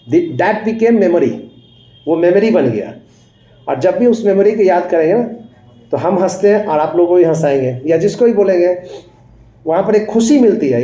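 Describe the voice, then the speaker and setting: A man's voice: high voice, dark tone, roomy sound, muffled recording. A man teaching English to a class, mixing Hindi with English phrases, repeating lines and telling stories from his own life. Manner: tells anecdotes, addresses students directly. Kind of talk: classroom lecture.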